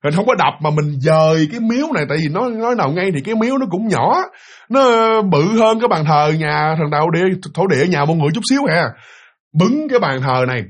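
A man telling a ghost story in casual spoken style, animated and addressing his listeners directly. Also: fairly high pitch, fast.

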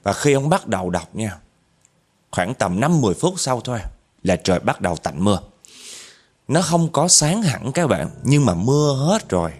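A man's voice: medium pitch, big pitch swings, moderate pace. A man telling a horror story in a chatty, dramatic way, often addressing his listeners directly. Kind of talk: casual spoken horror storytelling.

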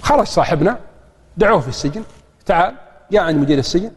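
A man's voice: high-pitched, rapid-fire, breathy edge. A man with a Saudi accent preaching and telling a story, acting out the voices of the people in it. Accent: Saudi Arabic. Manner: lively storytelling that acts out the dialogue. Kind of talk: storytelling sermon. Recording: long hall reverb.

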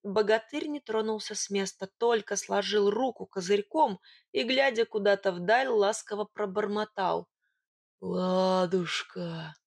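A woman narrating a first-person storybook in a lively, expressive way. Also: mid-range voice, moderate pace, dry recording, clean studio sound. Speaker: audiobook narrator.

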